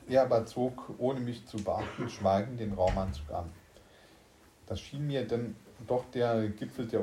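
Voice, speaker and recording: A man's voice: on the low side, warm tone, echoey room, a little hiss or hum. A man reading a science fiction story aloud in German, unpolished, with slips and restarts. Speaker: story reader.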